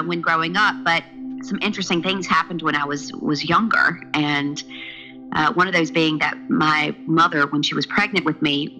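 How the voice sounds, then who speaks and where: A woman in her fifties from the southern United States, a podcast guest telling her life story in a lively, earnest way. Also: deep voice, rough recording. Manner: lively, earnest, with laughs and restarts. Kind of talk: personal storytelling in interview.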